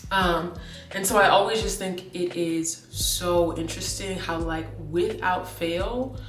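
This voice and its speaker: A woman in her late twenties with a lowish voice rambles through a casual vlog chat, peppering her thoughts with "like" and doubling back mid-sentence. She sounds set back from the mic in an echoey room. Faint music plays underneath. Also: slow pace, far from the mic. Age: 20s. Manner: rambling, many "like" fillers and restarts. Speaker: vlogger.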